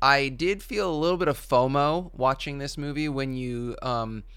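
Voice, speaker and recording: A man's voice: mid-range voice, moderate pace, fairly bright tone, clear, resonant tone, no room sound. A man co-hosting a casual movie podcast, rambling with lots of fillers and asides. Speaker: podcast co-host.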